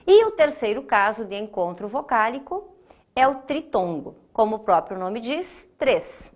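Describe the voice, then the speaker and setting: Woman teacher, fairly high voice, patient classroom delivery, stretches words out to sound syllables. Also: big pitch swings. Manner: didactic, repeats key points, slows to spell out syllables. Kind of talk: classroom grammar lesson.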